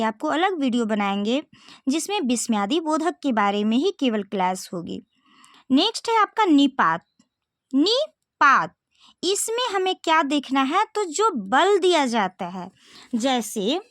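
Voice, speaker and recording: A young woman teaches grammar in a high, sing-song voice that swoops up and down as she asks her students questions. She talks slowly and stretches the key words. The recording is dry and close. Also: no echo. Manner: explains step by step, asks rhetorical questions to students. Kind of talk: classroom-style video lesson.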